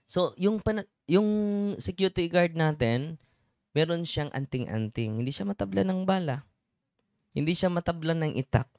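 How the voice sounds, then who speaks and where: A man's voice: a little high, lively intonation, moderate pace, creaky, darkish tone, dry recording, studio quality. A middle-aged man, a priest and exorcist, giving a chatty sermon and often checking in with his listeners. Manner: chatty, keeps checking in with the congregation. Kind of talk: conversational sermon.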